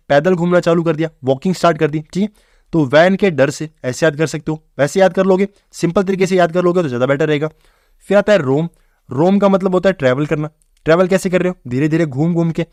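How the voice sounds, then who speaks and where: A man's voice: fairly high pitch, darkish tone, no echo, clean studio sound. A man teaching English vocabulary for exams, explaining memory tricks and often checking in with the viewer. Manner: keeps checking in with "theek hai bhai" and quizzing the viewer; mixes English words into fast classroom Hindi.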